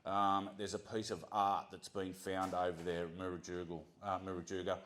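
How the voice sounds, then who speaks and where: An Australian man giving an earnest prepared speech to a community gathering, often pausing with ums and restarting his sentences. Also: deep voice, flat delivery, fairly bright tone, a little hiss or hum. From Central Coast of New South Wales, Australia. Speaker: community speaker.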